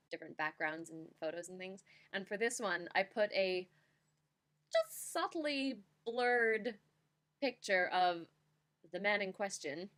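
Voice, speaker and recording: A woman's voice: on the low side, a bit bright. A young woman vlogger, casually chatting and dramatically reading her own old poems, theatrical and self-mocking in her embarrassment at reading aloud. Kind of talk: casual chat mixed with dramatic poem reading.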